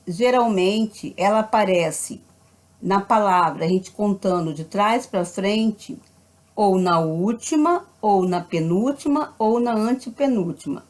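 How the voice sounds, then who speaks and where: A woman's voice: medium pitch, slow, darkish tone. A woman with a Brazilian Portuguese accent, a primary school teacher patiently explaining a grammar lesson, often checking in with "né?". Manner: patient, repeats with frequent "né?" checks.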